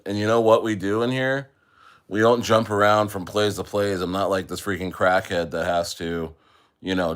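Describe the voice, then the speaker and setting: A man's voice: deep voice, fairly bright tone, clear, resonant tone. A man hosting a casual livestream, rambling with many fillers and talking straight to his viewers. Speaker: livestream host.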